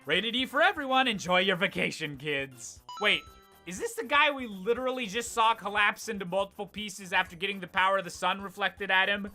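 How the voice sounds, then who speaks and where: A man with a Canadian accent delivers scripted comedic narration over gameplay in a bright, forward voice. His sarcasm swings from deadpan asides to sudden loud outbursts. Faint game music plays under him. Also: sits high, fairly quick. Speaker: gaming comedy YouTuber.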